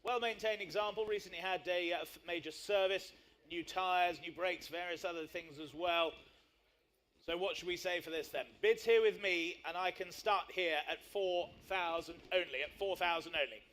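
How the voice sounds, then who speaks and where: A man's voice: high voice, moderate pace, a bit bright. A man working as an auctioneer, calling a live sale in short, repeated phrases and numbers. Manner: repetitive bid patter with short clipped phrases.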